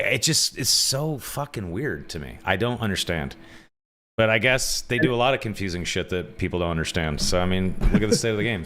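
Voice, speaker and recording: Low-voiced man, blunt and profane. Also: a bit bright, slight background noise. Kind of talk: podcast chat.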